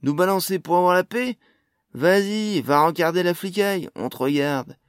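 A man voicing a brash, sharp-tongued female dwarf in an audiobook, slangy and defiant. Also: on the high side, very animated, unhurried, no room sound, clean studio sound, voice pushed up. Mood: mocking defiant. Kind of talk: audiobook character voice.

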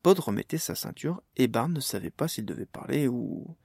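A man reading a storybook aloud, steady and measured. His voice carries a gravelly texture and sounds dry and close, with no room around it. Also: medium pitch, no echo. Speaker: narrator. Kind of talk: storybook narration.

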